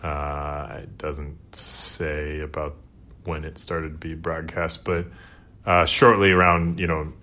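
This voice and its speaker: A man's voice: rumbling low, little pitch movement, slow, pushed and bright. A man co-hosting a podcast in casual chat, hesitant and full of fillers, laughing now and then. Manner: hesitant, many fillers, laughs while talking. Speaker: podcast co-host.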